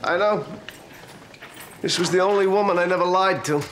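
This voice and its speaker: A man's voice: high voice, normal speed, a bit bright, slight background noise. An actor playing a fretful, self-pitying single man in a sitcom, with audience laughter on the soundtrack. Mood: whiny. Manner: whiny, fretful. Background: studio audience laughter.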